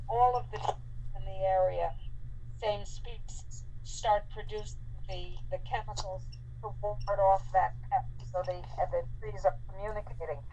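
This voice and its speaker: A woman's voice: mid-range voice, dark tone, muffled recording, slight background noise. An older woman, a physician guest, explaining over a glitchy call whose audio keeps breaking up, speaking into a tablet held close to her mouth. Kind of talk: call-in expert discussion.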